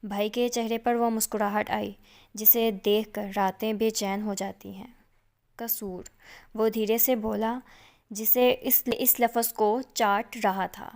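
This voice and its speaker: A woman reading a suspense story aloud in a measured, dramatic way. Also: mid-range voice, level tone, darkish tone. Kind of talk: scripted suspense narration.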